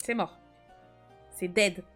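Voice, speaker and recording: A woman's voice: mid-range voice, slow, a bit bright, soft background music. A young woman streaming from home, chatting casually in slangy banter and reading her chat aloud.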